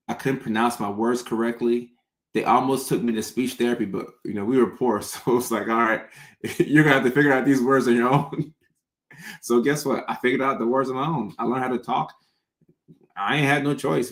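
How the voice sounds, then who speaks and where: A man's voice: medium pitch, vocal fry. A man chatting casually and off the cuff as he answers comments, often repeating phrases for emphasis, with trouble pronouncing his R sounds. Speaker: content creator hosting a live question session. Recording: roomy, echoing sound.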